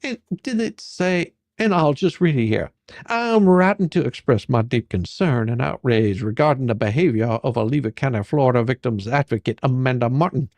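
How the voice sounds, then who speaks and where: A performer plays a sarcastic attorney who won't let up on a witness, reading a dramatic deposition with probing, halting, repetitive phrasing. The medium-pitched voice is a bit mellow, mocking in mood and close to an everyday speaking voice, with no room sound.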